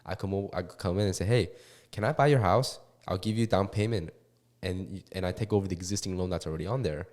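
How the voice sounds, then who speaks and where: With a deep, slightly mellow voice, this twenty-something guest from Korea and California discusses real estate investing in a relaxed interview. His speech is quick yet halting, full of fillers and restarts.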